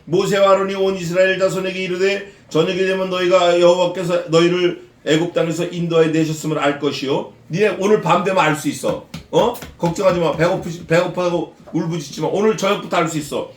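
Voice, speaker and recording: A man preaching an expository sermon as a pastor, lively, questioning the congregation and mixing in casual slang. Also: high-pitched, brisk, few pauses, reverberant. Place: church sanctuary.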